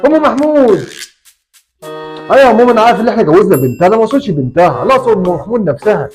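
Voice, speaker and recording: A desperate Egyptian son, as a man acts him out, begs his mother on the phone to find him a wife. He whines and pleads in a slightly high voice at a very fast clip. Soft music runs underneath. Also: big pitch swings. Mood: pleading. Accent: Egyptian Arabic. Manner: pleading, whiny.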